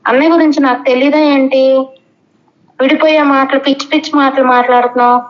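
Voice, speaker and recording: A woman speaks fast in a high, bright register, scolding and reassuring a friend as she talks over her. She sounds muffled and dull, as if heard through a phone. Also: steady tone, a little hiss or hum. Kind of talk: casual phone chat.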